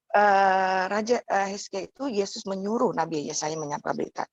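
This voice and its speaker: A woman's voice: medium pitch, dry recording, dull audio. A woman preaching a sermon in a conversational way. She often tags her phrases with a questioning "ya" and speaks straight to the congregation.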